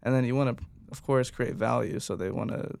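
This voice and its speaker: Speaking fairly quickly in a darkish, mid-range voice with vocal fry, a young personal trainer responds to interview questions. His manner is earnest and agreeable, and "yeah" comes up often.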